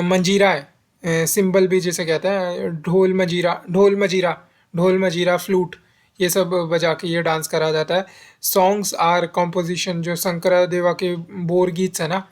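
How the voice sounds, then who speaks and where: एक पुरुष शिक्षक, शब्द दोहराकर याद कराते हुए. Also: male voice, sits high. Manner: repeats key terms as memory drills, mixes English phrases. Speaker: teacher. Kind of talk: exam-prep lecture.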